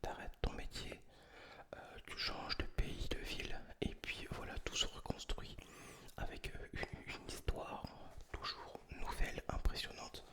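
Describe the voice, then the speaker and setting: A person speaking entirely in a breathy whisper, close to the mic, presenting books in a casual, informal ASMR style. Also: measured pace. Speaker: ASMR video host. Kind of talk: whispered ASMR book review, casual chat.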